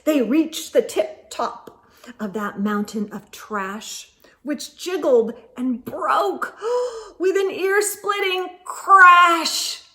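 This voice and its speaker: Her voice sits high and she reads very slowly as a storytime host sharing a picture book with children. The delivery is expressive and emphatic, aimed right at the young audience.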